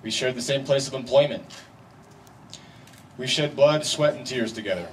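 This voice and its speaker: A man's voice: medium pitch, moderate pace. Man giving a wedding speech, distant noisy recording. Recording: distant mic, noisy live event ambience.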